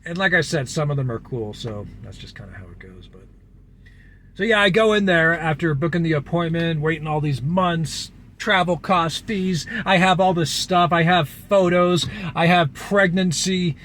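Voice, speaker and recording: Casual rambling american guy vlogging a story, kinda high voice, lots of likes and ums, faint room noise. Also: normal speed. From United States. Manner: rambling, filler-heavy, animated retelling.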